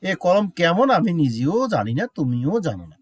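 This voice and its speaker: A man teaching a grammar lesson, who keeps checking with students, mixes English examples into his explanation and repeats words slowly to show how they sound. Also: fairly high pitch, big pitch swings, breathy edge, no echo, clean studio sound. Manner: asks students frequent check questions.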